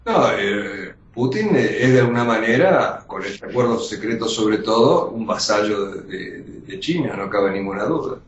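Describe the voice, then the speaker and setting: Older Argentine man, emphatic and roomy. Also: animated. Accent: Argentine Spanish. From born in Austria to Russian parents. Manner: emphatic, measured, with frequent pauses and restarts. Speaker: journalist, interview guest. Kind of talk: interview answers. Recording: roomy, dull lo-fi audio with faint rumble.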